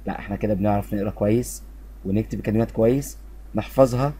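A man with an Egyptian Arabic accent teaching a beginner English lesson, drilling words slowly and having students repeat after him. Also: on the low side, warm tone, slightly rough.

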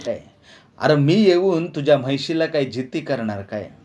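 A man's voice: a little high, animated, normal speed, warm tone, natural voice. A man voicing an anxious village cobbler who stammers and pleads. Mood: pleading.

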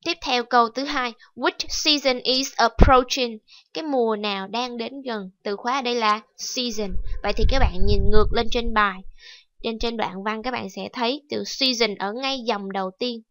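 A woman's voice: fairly high pitch, moderate pace, a bit bright, no echo, poor audio. A woman teaching a TOEIC reading lesson, explaining step by step and repeating key words. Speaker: English teacher.

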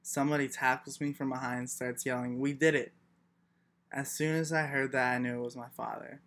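Young male student, reflective first-person monologue, flat even pitch, measured. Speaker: student performer.

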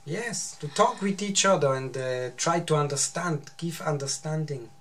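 A man in his thirties, a native Swiss German speaker, chats casually in English as the husband guest, hesitating, searching for words and repeating himself. His voice is fairly high and fairly bright at a moderate pace, recorded indoors in a small bedroom with a little hiss or hum.

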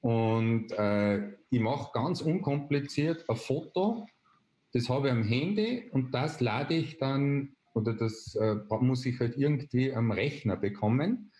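A man, explaining a software tool step by step on a video call, with frequent hesitation fillers. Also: medium pitch, expressive, a little slow. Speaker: presenter. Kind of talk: online webinar demonstration. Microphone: video call webcam.

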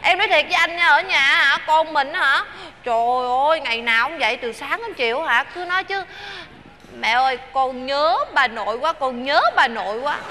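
A young woman playing an excitable, pleading girlfriend in a stage comedy sketch. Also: high-pitched, moderate pace, slight background noise. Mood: coaxing. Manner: pleading, chatty, laughing often.

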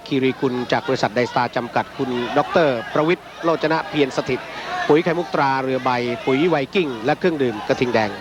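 A man's voice: mid-range voice, quick pace, muffled recording. A man speaking as announcer and co-commentator on a live boxing broadcast. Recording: noisy broadcast with crowd behind. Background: arena crowd and noise.

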